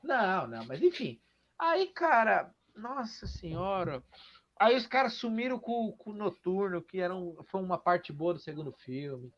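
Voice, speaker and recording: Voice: mid-range voice, very animated, moderate pace. A speaker with a Brazilian Portuguese accent chats casually about movies. The tone is sarcastic and joking, with frequent exclamatory asides. The recording sounds slightly dull and muffled.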